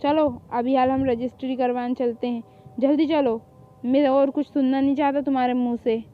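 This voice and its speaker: A woman's voice: sits high, fairly even intonation, moderate pace, narrow, tinny audio, faint music behind, close to an everyday voice. A woman voicing a bossy young man who pushes hard for a marriage, speaking in a commanding, pushy way in a hobby fan drama.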